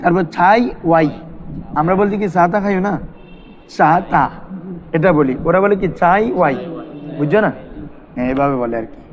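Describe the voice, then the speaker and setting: A man's voice: high voice, moderate pace. A man teaching a classroom grammar lesson, asking his students questions and repeating terms for them to answer. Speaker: madrasa teacher.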